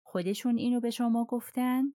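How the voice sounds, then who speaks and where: A woman's voice: fairly high pitch, steady tone, warm tone, no echo, clean studio sound, voice pushed up, lightly acted. A woman reading the part of a persistent foreign detective in an audiobook, probing with polite persuasion. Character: persistent foreign detective questioning witness, man.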